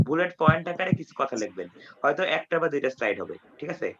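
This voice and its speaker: A man supervising a thesis over a video call, dictating instructions slowly and checking that his students follow. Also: a little high, sing-song, a bit bright. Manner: dictates slowly word by word, checks understanding often. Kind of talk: online thesis guidance session. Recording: dull lo-fi call audio with noise.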